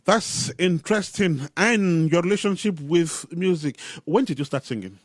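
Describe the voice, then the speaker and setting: A man hosting a radio interview show from a studio. He speaks in a measured way, pausing often with "uh" and "um". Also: high voice, animated, dry recording. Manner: measured, with frequent "uh" and "um" pauses.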